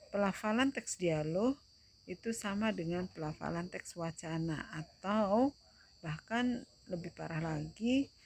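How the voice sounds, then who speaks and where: Slow-speaking woman teacher, gravelly voice. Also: lowish voice, a little hiss or hum. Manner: slow, deliberate explaining with frequent checks. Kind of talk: recorded video lesson.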